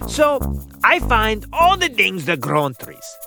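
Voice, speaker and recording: A woman's voice: on the high side, very animated, a little slow, music in the background. Woman voicing a bubbly little alien boy. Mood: curious. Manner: wide-swinging whimsical delivery. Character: cheerful alien boy, curious and literal-minded.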